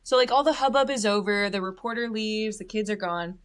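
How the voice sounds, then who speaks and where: A woman's voice: mid-range voice, a little fast. Chatty woman co-hosting a film podcast. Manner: animated, laughs often, acts out lines from the film. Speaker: podcast co-host. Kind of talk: casual film review chat.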